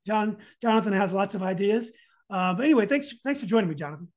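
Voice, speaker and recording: Guy podcast host, pretty high voice, casual, keeps pausing to find the right word. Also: animated. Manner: hesitant, searching for words. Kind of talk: casual interview.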